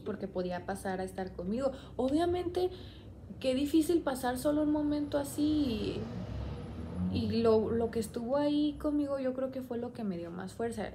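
A woman's voice: high voice, lively intonation, moderate pace, background noise. A young woman, chatting and rambling as she tells a personal story on her vlog. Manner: chatty, rambling, quoting herself often. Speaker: vlogger.

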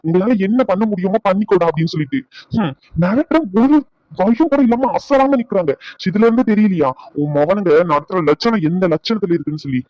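A man's voice: high-pitched, expressive, a little fast, darkish tone, dry recording, highs cut off. A man voicing a snobbish, domineering older brother who lectures scornfully. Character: scheming proud older brother, snobbish and controlling.

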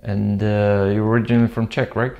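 Host, man, low gravelly voice; inquisitive, stop-start questioning. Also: level tone, fairly quick, a little mellow, highs cut off. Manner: inquisitive, repeats words when searching. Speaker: podcast host. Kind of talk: casual interview chat.

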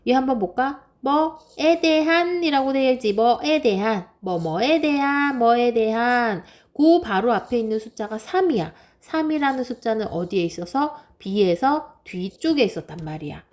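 A woman teaching a math lesson to children, patiently asking and answering her own questions and repeating key words. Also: medium pitch. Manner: repeats key words, drops to soft murmurs.

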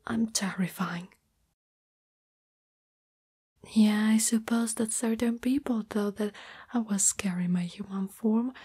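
Played by an Italian woman, a shy spider monster girl speaks in an ASMR roleplay using an extremely breathy, soft, mellow whisper with a fairly high, exaggerated voice. She speaks slowly and hesitantly, tender and lovestruck, as though confiding in a partner, sounding self-conscious.

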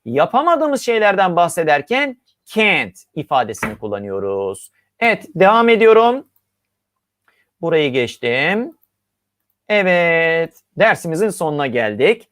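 A teacher from Turkey gives a recorded English lesson, with a pitch that leaps up and down a lot. Each example phrase is read out, drawn out slowly, then translated. The sound is close and dry, with no room echo. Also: big pitch swings, a bit bright.

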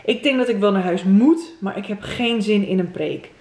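A woman's voice: mid-range voice, moderate pace, darkish tone, echoey room, close to an everyday voice. Woman reading as sulky teenage girl. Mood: fed up. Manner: moody, diary-writing.

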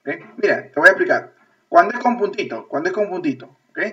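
A man's voice: high-pitched, expressive, quick pace, fairly bright tone. A male English teacher with a Peruvian Spanish accent, teaching an online class and checking understanding over and over. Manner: repetitive, checks understanding with constant "ok?". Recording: distant, lo-fi video-call audio.

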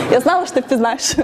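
A woman giving an interactive lecture at a tech meetup, quizzing the audience, laughing often and encouraging answers. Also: high-pitched.

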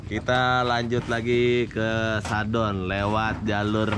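Slangy trail rider, loud engine noise. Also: male voice, lowish voice, monotone, takes it slowly. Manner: joking, slangy banter with riding friends. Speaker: vlogger riding trail motorbikes. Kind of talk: casual vlog chat. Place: muddy dirt trail outdoors.

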